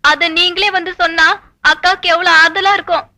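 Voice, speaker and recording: A woman's voice: very high voice, steady tone, fairly quick, background noise. A young actress playing a worried village girl in a 1980s film, talking tearfully. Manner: tearful, pleading. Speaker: villager, heroine's younger sister.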